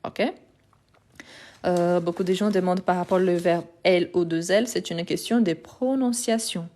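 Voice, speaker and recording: Teaching French grammar live, this patient, methodical woman repeats her examples step by step; Portuguese is her first language. Her lowish, mellow voice is a little slow, with fairly even intonation.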